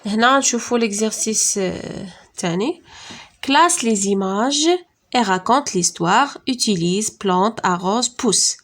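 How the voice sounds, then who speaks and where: Moroccan lady teacher, slow clear words for little kids then quick explaining. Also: medium pitch. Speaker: primary school teacher. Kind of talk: classroom lesson.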